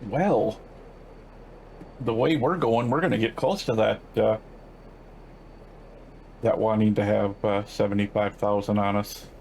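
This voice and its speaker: A man's voice: fairly low pitch, fairly even intonation, unhurried, vocal fry, pauses often, darkish tone, slight background noise, rough recording. An older man casually commenting while playing a farming game, rambling along with lots of fillers and restarts. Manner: rambling, laid-back, many fillers and self-corrections. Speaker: gaming channel host.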